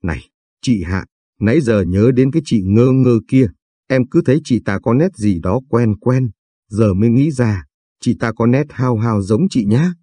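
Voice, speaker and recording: A man's voice: medium pitch, moderate pace, mellow, no room sound, studio quality, natural voice. A man voicing a gossipy middle-aged woman who picks oranges, in a storybook reading. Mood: chatty. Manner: gossipy, talkative.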